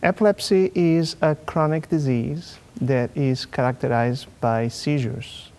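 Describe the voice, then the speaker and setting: A Spanish neurosurgeon, a guest on a TV talk show, explains things carefully in a measured, halting way with many fillers. His voice is mid-range and a little mellow.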